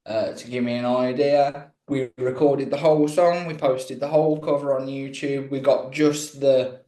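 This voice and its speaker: A man's voice: medium pitch, steady tone, normal speed, dark tone, reverberant, low-quality recording. A man from Birmingham, England, chatting as a guest musician in a casual interview, rambling and self-deprecating.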